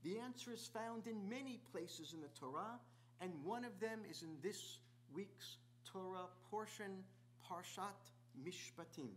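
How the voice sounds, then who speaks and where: A man's voice: high-pitched, unhurried, a little hiss or hum. A middle-aged man, a visiting rabbi, gives a sermon in a large synagogue sanctuary, stacking up repeated rhetorical questions. He is picked up by a distant camera.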